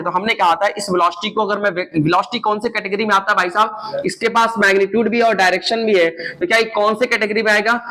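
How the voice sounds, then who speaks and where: A man's voice: sits high, pushed and bright, low-quality recording. A man teaching a physics lecture. He keeps asking his students questions and answering them himself, and he repeats the key points.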